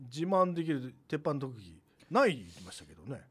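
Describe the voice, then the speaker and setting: A man with a Kansai accent hosts a radio talk show at a brisk clip, his pitch rising and falling in lively swings. He teases his guest in quick, laughing banter. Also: breathy edge. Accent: Kansai Japanese.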